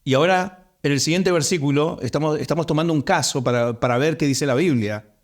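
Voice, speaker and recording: A man's voice: on the high side, brisk. A man with a Rioplatense accent preaching a sermon as pastor, stressing points by repeating words. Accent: Rioplatense Spanish.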